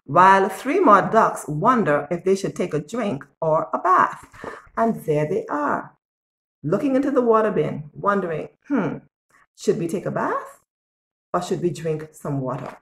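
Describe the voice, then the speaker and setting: Recorded at arm's length on a phone or tablet, with slight background noise, a woman in her sixties reads a picture book to young kids. Her voice is medium-pitched and creaky, and she tells the story expressively and deliberately, asking questions, in a small, bare-walled, echoey indoor room.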